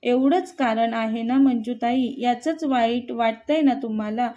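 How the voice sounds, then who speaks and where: Storybook part: woman reading a meek, apologetic young woman, high, mellow voice. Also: measured pace, highs cut off, lightly acted. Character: shy hurt young woman newcomer.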